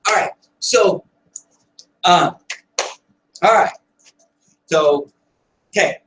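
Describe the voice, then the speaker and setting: A man giving a motivational sales training talk, telling stories with lots of energy and often shouting. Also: sits high, drawn-out words, a little hiss or hum. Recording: echoey room, voice from far off.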